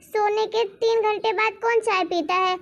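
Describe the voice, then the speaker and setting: A woman's voice: very high voice, steady tone, moderate pace, vocal fry, a bit bright, exaggerated voice. A woman voicing a scheming, complaining mother-in-law in a cartoon story, nagging and blaming. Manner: nagging, complaining, blames others. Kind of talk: animated cartoon voice acting.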